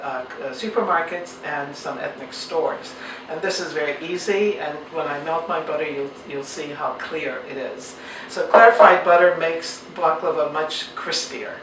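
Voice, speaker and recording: Woman home cook, patient demo voice, distant mic in an echoey room. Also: deep voice. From Turkey. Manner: patient, explanatory, homely. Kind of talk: cooking demonstration. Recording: roomy, distant mic, faint noise.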